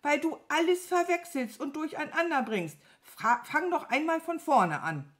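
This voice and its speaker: A woman reading a children's story aloud, voicing an irritable, bossy male wizard who scolds and shouts impatiently. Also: high voice, expressive, moderate pace, voice pushed up. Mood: furious. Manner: impatient, scolding, raised and strained. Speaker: kindergarten teacher.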